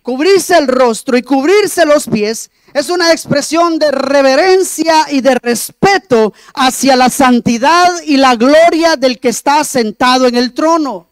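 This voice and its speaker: A man's voice: very high voice, unhurried, hardly any pauses, no room sound. A man preaching a sermon, emphatic, often turning to address the congregation and repeating words for effect. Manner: rhetorical repetition of words. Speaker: lay preacher.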